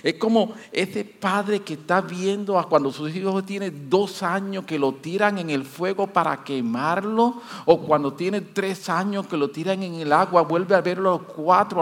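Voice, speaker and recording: A male preacher with a high voice delivers an impassioned sermon. He sinks to hushed, intimate passages and then builds through loud, rising repetitions. His words ring out with a long reverb, as in a large hall.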